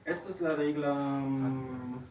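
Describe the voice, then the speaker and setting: Slow, patient teacher in echoey classroom. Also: male voice, medium pitch, a little mellow. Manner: patient, modeling words for repetition. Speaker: German teacher. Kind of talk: classroom pronunciation lesson. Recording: echoey room, distant mic, background noise.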